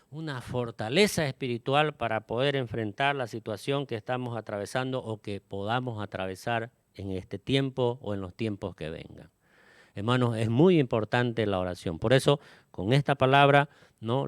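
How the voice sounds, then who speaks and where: A man preaching a sermon to his congregation, often tagging his phrases with a questioning "¿no?" and filling pauses with "este". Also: medium pitch, no echo, studio quality.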